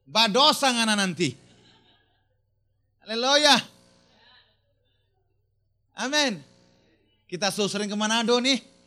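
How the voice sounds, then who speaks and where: Middle-aged preacher guy, high bright voice, jokey and animated, keeps quizzing the crowd. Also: slow pace, pauses often, faint music behind. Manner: animated, teasing, mixes in Manado dialect phrases and English words. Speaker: pastor. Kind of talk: lively sermon with jokes and audience questions.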